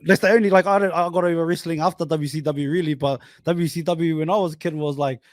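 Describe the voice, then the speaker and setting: A young man with a New Zealand accent hosting a podcast, relaxed and slangy in casual chat. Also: on the high side, quick pace, no echo, studio quality. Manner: relaxed slangy, laughs easily. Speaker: podcast host.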